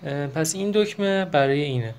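Man explaining a keyboard, slightly high voice. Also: animated, darkish tone, smooth, soft background music. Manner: explains while pressing buttons, with many fillers and self-corrections. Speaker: keyboard teacher. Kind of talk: casual step-by-step tutorial.

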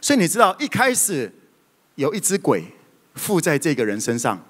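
A man preaching a sermon, telling stories in a lively way with sudden loud outbursts. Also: fairly high pitch, normal speed, breathy edge. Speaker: pastor. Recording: reverberant hall.

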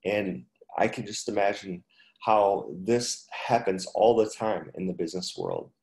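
A man teaching an online class, talking in a halting way with many restarts and fillers. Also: lowish voice, big pitch swings, creaky, darkish tone, reverberant. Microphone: video call.

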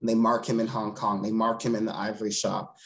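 With a voice on the low side and little pitch movement, a theatre director in his thirties speaks briskly as an interview guest on a home video call. The sound is a bit bright; his delivery is earnest, eloquent and full of emphatic repetition in a thoughtful conversation.

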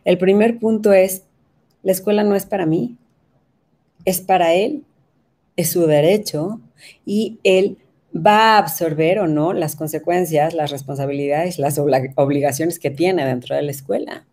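A woman's voice: on the low side, measured pace, warm tone. A woman, telling a personal story as a parenting educator in a conversational way that often checks in with the listener. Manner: conversational, asks listeners for agreement.

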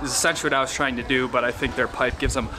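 A man's voice: mid-range voice, steady tone, rapid-fire. A young man casually vlogging outdoors into an action camera, easygoing and rambling, with many likes and restarts. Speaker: ski vlogger. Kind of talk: casual vlog talk to camera. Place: outdoors on ski slopes and in a parking lot. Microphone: action camera on helmet or handheld.

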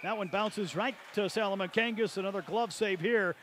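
A man's voice: sits high, moderate pace, noisy background. A man calling ice hockey play-by-play in an arena, rattling through the action and erupting on goals. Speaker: play-by-play announcer. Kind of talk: play-by-play sports commentary.

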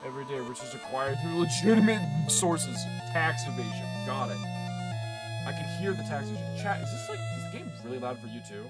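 A man casually chatting to his live chat while playing a game, swearing and laughing often. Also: mid-range voice. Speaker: streamer.

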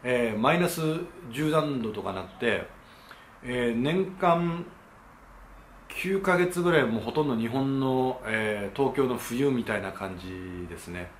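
A man's voice: medium pitch, animated, unhurried, slight background noise. A man hosting his own channel, explaining in a polite, casual manner with many hesitation fillers. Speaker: channel host. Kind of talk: casual explainer talk to camera. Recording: echoey room with faint ambience.

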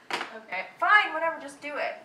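A young adult woman chatting casually between takes, giggly and often breaking into laughter. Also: high voice. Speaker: vlogger rehearsing an announcement video. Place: seated at a table in a home room. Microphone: camera a few metres away. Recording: roomy, distant camera mic, noisy background.

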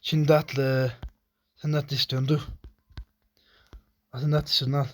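A young man commentating his own gameplay, talking to himself in rapid muttered repetitions and swearing when frustrated. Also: medium pitch, little pitch movement. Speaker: gamer.

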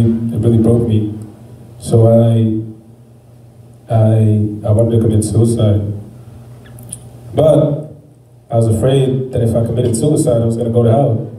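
A young man sharing a personal faith testimony, talking in a halting, reflective way with many fillers. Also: medium pitch, mellow. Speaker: testimony speaker. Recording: echoey room, mic at a distance, faint background noise.

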